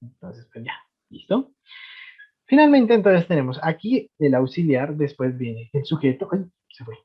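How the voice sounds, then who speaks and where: A man's voice: fairly high pitch, animated, unhurried, slightly rough. A man, explaining English grammar to a class over a video call, chatty and repeating words as he goes. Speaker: English teacher. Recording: tinny phone-like line.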